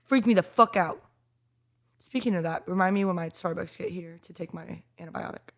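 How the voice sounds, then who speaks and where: A woman's voice: on the low side, brisk, gravelly. A young woman co-hosting a podcast in casual chat, blunt and profane, getting over strep throat. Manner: blunt, profane, animated storytelling. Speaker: podcast co-host.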